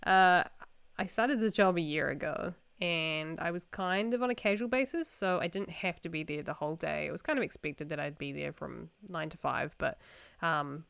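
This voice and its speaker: A woman's voice: deep voice, moderate pace, vocal fry, fairly bright tone, clean tone, no echo. A young woman from New Zealand co-hosting a podcast, telling stories in an informal, self-amused way. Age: young adult. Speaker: podcast co-host. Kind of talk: casual conversational storytelling.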